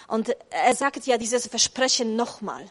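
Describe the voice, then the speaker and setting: High-voiced woman preaching conversationally. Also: lively intonation, unhurried, a bit bright. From not born in Germany. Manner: conversational, asks the audience "ja?" often; frequent restarts and fillers. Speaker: guest preacher. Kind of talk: sermon.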